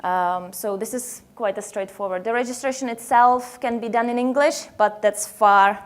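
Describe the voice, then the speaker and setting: A woman's voice: fairly high pitch, normal speed. A young woman from the Czech Republic with a Czech accent, giving a conference presentation with many fillers and restarts. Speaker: conference speaker. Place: conference hall.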